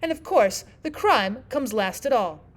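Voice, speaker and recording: Casting: a woman as a dotty old storybook queen, high-pitched, loud and bossy, with big melodic swoops. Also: expressive, a little slow. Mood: airy, emphatic. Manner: loud, emphatic, exclamatory, bossy yet scatterbrained.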